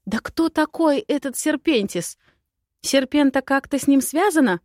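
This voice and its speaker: A woman reading an audiobook voices a feisty, sarcastic young bride with shrill, exasperated outbursts. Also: lively intonation, measured pace, darkish tone, no echo, clean studio sound. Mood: incredulous.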